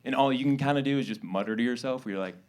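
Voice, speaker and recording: A young man from suburban New York doing a stand-up set on a theater stage, animated and breaking into high-pitched character voices. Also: racing, crowd noise. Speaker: stand-up comedian.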